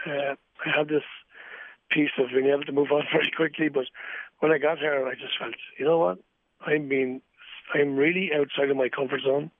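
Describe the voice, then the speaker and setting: A man's voice: mid-range voice, dry recording. A man with a Wexford Irish accent giving a candid, earnest, reflective interview as a sports coach, repeating phrases for emphasis. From County Wexford, Ireland. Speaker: amateur boxing coach, interviewee. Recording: thin phone-like radio line.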